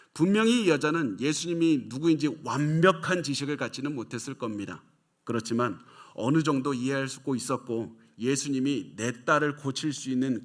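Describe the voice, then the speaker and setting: A man's voice: fairly high pitch, fairly bright tone. A male pastor delivering a sermon with an emphatic, repetitive preaching cadence. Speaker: senior pastor.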